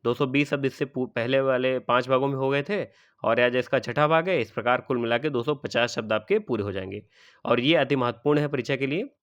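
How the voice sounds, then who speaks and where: A man's voice: mid-range voice, fairly quick, clean tone, no echo, highs cut off. A man teaching Hindi spelling for an exam, explaining step by step, asking questions and answering them himself, and repeating each word. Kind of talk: spelling lesson for exam aspirants.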